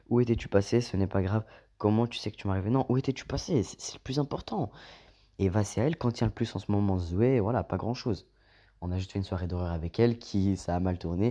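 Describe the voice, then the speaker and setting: A man's voice: low-pitched, mellow. A man giving chatty let's play commentary, reading the game's lines aloud and rambling on in a slangy, talkative way. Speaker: gaming YouTuber.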